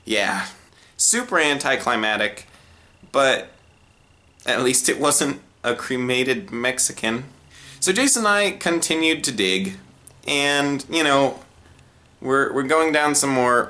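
A young man tells a personal story in a lively, sing-song voice that leaps around in pitch. His tone is bright and forward, dropping into low deadpan remarks and shooting up into exasperated cries. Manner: expressive, swings from low deadpan asides to high exasperated outbursts. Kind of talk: animated storytime narration.

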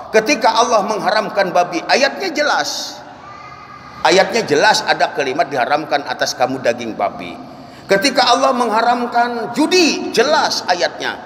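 A man preaching a dawn lecture in a mosque, telling stories with lively swings and chanting verses. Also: on the high side. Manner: animated storytelling with chanted Quran verses. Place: mosque hall. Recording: echoey hall, faint room noise.

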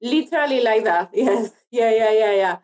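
An Argentine actress and TV producer, a native Spanish speaker with an Argentine accent, appears as an interview guest and talks casually, often searching for her words. Her fairly high voice has a darkish tone and a moderate pace.

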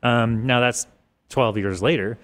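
A man's voice: medium pitch, measured pace. Forties guy rambling on a podcast, office studio, desk mic. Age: 40s. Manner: casual, rambling with restarts. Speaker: guest. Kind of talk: podcast interview. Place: office studio with large windows. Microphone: boom mic on desk.

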